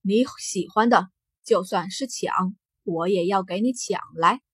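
A woman's voice: on the high side, expressive, measured pace, bright, forceful tone, breathy edge, no room sound, exaggerated voice. Woman voicing a cold, arrogant young prince. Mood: indulgent. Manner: cold, commanding.

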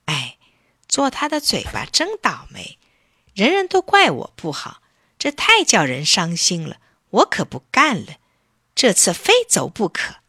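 Woman doing a sulky grumbling mouth from a children's storybook, aggrieved sighs, lively rise and fall, bright tone. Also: medium pitch, unhurried, slightly rough, no room sound, studio quality, heavily acted. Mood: aggrieved sulking. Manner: complaining, sighing.

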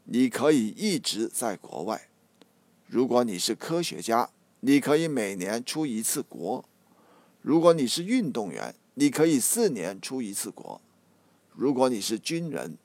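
A man narrating a series of numbered political jokes, telling them in a measured, dry way. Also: mid-range voice, very animated, darkish tone, no echo.

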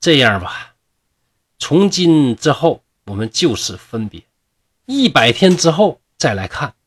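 A man's voice: fairly high pitch, very animated, unhurried, breathy edge, exaggerated voice. A man voicing an indignant fox-spirit woman. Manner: scolding, exasperated. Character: proud indignant female fox spirit healer.

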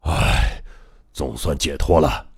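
A man's voice: a bass voice, animated, fairly quick, husky, pitched below the performer's own voice, full character voice. A male narrator voicing an anxious, jumpy man in an audiobook, stammering and fretful. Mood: relieved. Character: anxious adult male guard, jittery and jumpy.

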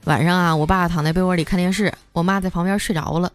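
A woman's voice: on the low side, steady tone, quick pace, no echo. A woman hosts a comic storytelling podcast, chatty and joking. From Northeast China. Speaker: podcast host. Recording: music bed under the voice.

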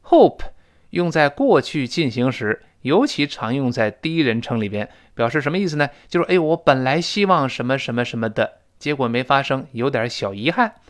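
A man's voice: mid-range voice, moderate pace. Man drilling English phrases. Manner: explains pronunciation in Mandarin with lively stress. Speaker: English teacher. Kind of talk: spoken English lesson.

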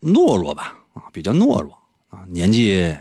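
A playful male radio host tells a comic story in a studio. His pitch swings widely, leaping high whenever he gets excited. The voice is a little husky, and the room is dry and close. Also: normal speed, no room sound.

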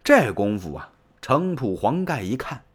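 Animated storyteller man. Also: medium pitch, unhurried, breathy edge. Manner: animated, colloquial, dramatic. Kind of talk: traditional pingshu storytelling.

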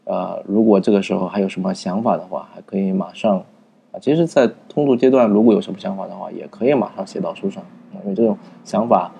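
A man talking through a book's reading method in a casual, unscripted way, pausing often with fillers and restarting his sentences. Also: low voice, vocal fry, warm tone, breathy edge. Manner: thinking aloud with many fillers and restarts. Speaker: book review narrator. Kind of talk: casual spoken book summary.

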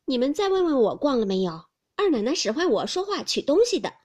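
女声演绎的伶俐能干的小丫鬟. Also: female voice, high-pitched, very animated, a little mellow, pitched above the performer's own voice. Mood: pert. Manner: quick, eager, talks back pertly. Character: clever, eager young maid.

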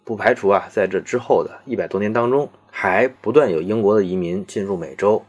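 Man, deep voice, husky, lecture narration, measured, frequent pauses. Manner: measured, with frequent filler pauses, slows to demonstrate English words. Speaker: video lecturer on English accents.

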